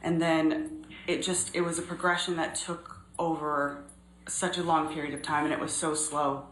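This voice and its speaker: Low-voiced woman in an echoey courtroom recording. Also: flat delivery, fairly bright tone, a little hiss or hum. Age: 30s. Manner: measured, earnest, pausing often. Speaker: trial witness. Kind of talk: courtroom testimony.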